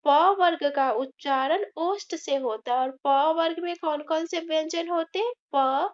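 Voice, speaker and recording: A woman's voice: sits high, unhurried. A woman teaching a grammar lesson, asking questions and answering them herself. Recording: slightly dull lo-fi recording.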